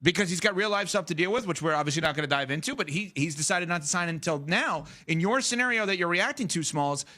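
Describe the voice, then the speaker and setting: Guy hosting a sports talk show, bright sharp voice, a bit high, talking fast and animated through draft scenarios. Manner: rapid, animated, thinking out loud. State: out of breath. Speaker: show host.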